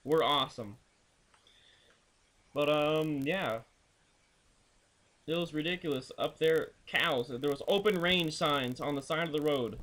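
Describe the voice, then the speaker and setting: A young man vents in a video blog, cursing nonstop and sounding exasperated as he goes. His voice sits a little high for a man and has a bright, sharp edge. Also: unhurried, long pauses. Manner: crude, exasperated, swears constantly. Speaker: vlogger. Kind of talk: profane ranting vlog.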